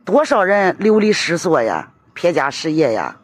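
Brief: man, indignant complaint, high lively voice, dry close sound. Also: moderate pace, no echo. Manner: indignant, exclaiming. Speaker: flood-hit local. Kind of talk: angry complaint to camera.

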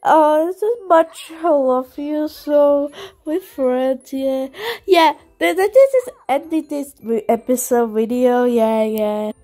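A woman playing a pet game and voicing the pets in a playful, halting, sing-song way with broken phrasing. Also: high-pitched, warm tone. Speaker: game video maker.

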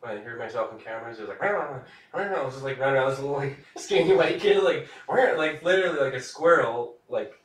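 A man speaks loosely as a podcast guest, full of slang and jokes. His mid-pitched voice sits a bit back from the mic. The room around him rings with echo. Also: fast talker, hardly any pauses. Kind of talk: casual chat. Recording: roomy sound from a distance.

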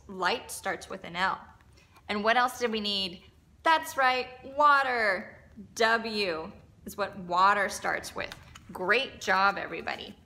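In an indoor classroom, a middle-aged woman leads preschool circle time, using an encouraging, instructive kindergarten-teacher voice as if addressing small children. Her mid-range voice is bright and forceful.

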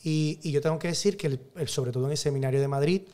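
A man speaks as a priest giving his testimony in an interview. His voice sits a bit higher than most men's, and he tells the story emphatically, playing out both sides of a conversation. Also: fast, darkish tone. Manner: emphatic, storytelling, acts out quoted dialogue.

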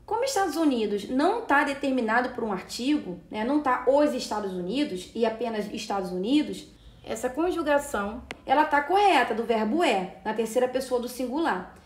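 A woman's voice: fairly high pitch, lively intonation, fairly quick. A Brazilian Portuguese-speaking woman teacher giving an exam-prep lesson, explaining step by step and checking in often with short tag questions. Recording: roomy echo.

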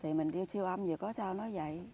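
A woman's voice: lowish voice, rapid-fire, dark tone, a little hiss or hum. An older woman with a Southern Vietnamese Mekong Delta accent, earnestly recounting her hardships to an interviewer. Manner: earnest, emphatic storytelling. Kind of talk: personal account in an interview.

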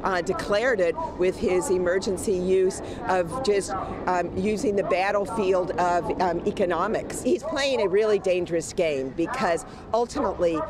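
A woman's voice: lowish voice, normal speed. A woman interviewed at an outdoor street protest, talking earnestly and intensely. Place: busy city street outdoors. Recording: crowd noise behind.

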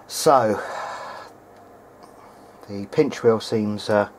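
Low in pitch and a little mellow, this man draws out his words as he mulls things over hesitantly. He's a hobbyist fixing something at an indoor workbench for his video diary, and a faint hiss or hum runs under the recording.

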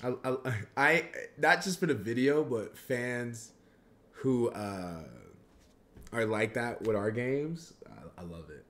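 A man's voice: mid-range voice, lively intonation, slow, a bit bright, a little hiss or hum. A man in his twenties reacting to a video on a live stream, laid-back and chuckling as he talks to his chat on a headset in a home studio. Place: home studio room with shelves.

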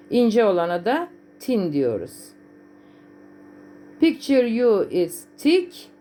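With a warm, somewhat high voice, a woman who teaches English explains easy adjectives in Turkish, her Turkish accent evident. For the benefit of learners, she leans on slow, repeated English examples.

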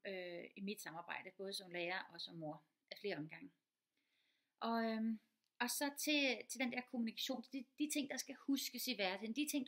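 A middle-aged woman, a teacher and mother, giving casual advice, talking quickly with many fillers and restarts. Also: a little high, fairly bright tone. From Denmark.

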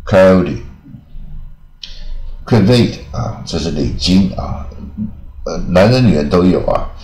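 A man from Taiwan teaching English pronunciation in a casual recorded lesson, repeating words slowly and tagging phrases with drawn-out fillers. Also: low voice, expressive, a little mellow, echoey room. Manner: drawn-out repetitions with frequent "啊" fillers.

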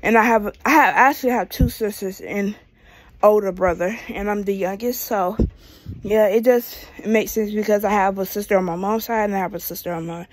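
Recorded on a handheld phone kept at arm's length, a twenty-two-year-old woman with an American accent rambles through a casual vlog as she paces a small room at home. Her mid-range voice is fairly even, a little fast, with no room sound.

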